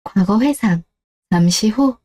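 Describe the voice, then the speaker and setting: A woman narrating a radio drama story in a calm, plain way. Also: mid-range voice, slow, no room sound, studio quality.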